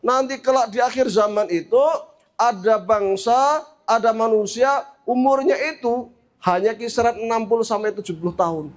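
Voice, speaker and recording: A gentle, patient old prophet, as a Javanese-accented man puts him on, asking kindly questions. The voice sits very high. It is a story voice inside a sermon. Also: normal speed.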